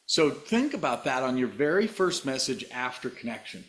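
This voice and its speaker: A man's voice: medium pitch, sing-song, normal speed, fairly bright tone, reverberant. Middle-aged man presenting a webinar on a video call. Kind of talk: webinar demo talk.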